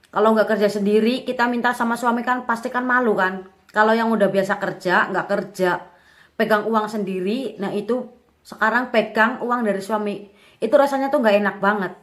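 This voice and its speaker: A woman's voice: mid-range voice, fairly bright tone. A young woman in her twenties telling her own life story in a candid, chatty way with lots of casual fillers. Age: 20s. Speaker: young mother vlogger.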